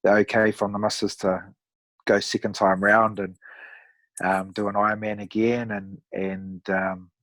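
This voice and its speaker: A man in his thirties with a broad New Zealand accent, chatting casually as a podcast guest in a laid-back, matey, rough-around-the-edges way. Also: lowish voice, little pitch movement, a little slow, fairly bright tone, no room sound. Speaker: podcast guest, amateur endurance athlete. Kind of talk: casual conversational storytelling.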